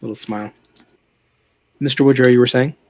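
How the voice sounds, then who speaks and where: A man's voice: medium pitch, fairly even intonation, brisk, a little mellow. Man, tabletop player, playful banter, casual. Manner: joking, playful. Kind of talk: casual chat at a tabletop game.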